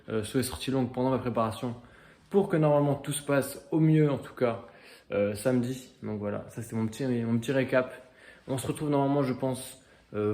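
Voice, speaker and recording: A man's voice: medium pitch, dark tone. Casual male vlogger, echoey sound. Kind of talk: casual video diary. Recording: roomy, echoing vlog audio.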